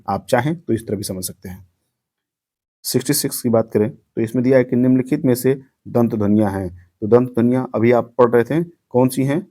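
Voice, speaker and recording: A man's voice: mid-range voice, warm tone. A young man teaching an exam-prep grammar lesson with a north Indian Hindi accent, asking each question and then repeating the answer for drilling. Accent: Hindi-speaking north Indian.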